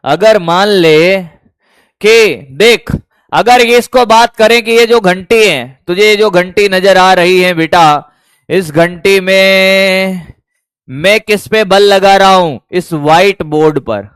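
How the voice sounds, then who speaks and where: A man's voice: high voice, takes it slowly, a bit bright, smooth, no echo. A man teaching physics to a class, often calling students "beta" and firing repeated check questions at them. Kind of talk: classroom lecture.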